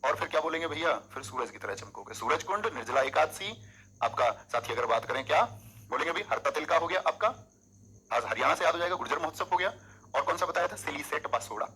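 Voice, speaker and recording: Bright, husky male coaching teacher. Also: fairly high pitch, fast, poor audio. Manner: animated, coaxing students with memory tricks. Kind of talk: exam coaching lecture.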